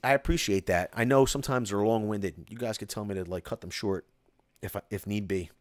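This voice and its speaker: A man's voice: lowish voice, fairly quick, no room sound, clean studio sound. A man, chatting casually and rambling as he reads viewer comments on a live stream. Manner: excitable, rambling, many restarts and "like". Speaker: host reading live chat. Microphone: close mic, home live stream.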